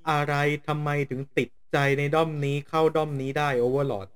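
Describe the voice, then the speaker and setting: A male co-host chimes in with short, teasing remarks during a casual anime chat. His voice sits fairly high. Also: steady tone, normal speed, clear, resonant tone.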